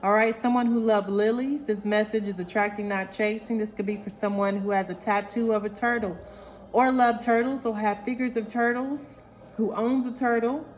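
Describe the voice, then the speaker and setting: A woman doing a casual oracle card reading, animated and goofy, calling listeners honey and y'all. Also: fairly high pitch, normal speed. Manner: animated, playful, calls viewers honey and y'all. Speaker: intuitive oracle card reader.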